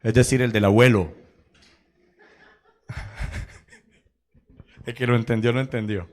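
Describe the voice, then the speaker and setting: Man preaching with lively stories. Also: medium pitch, slow pace. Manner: storytelling with acted quotes and laughter. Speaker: pastor. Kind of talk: sermon. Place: church.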